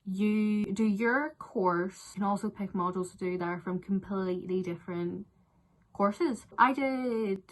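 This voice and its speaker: A woman's voice: mid-range voice, a little slow. A young woman with a Northern Irish accent chatting casually through viewer questions, with lots of fillers. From Northern Ireland. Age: young adult. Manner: chatty, animated, frequent "like" and "um" fillers. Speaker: vlogger answering viewer questions. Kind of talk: casual Q&A chat.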